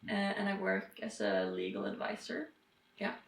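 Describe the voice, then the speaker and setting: A young woman, introducing herself in a lively way with small fillers. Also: mid-range voice, moderate pace. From Norway. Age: 20s. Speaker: legal advisor. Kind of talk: interview self-introduction. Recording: distant mic in echoey room.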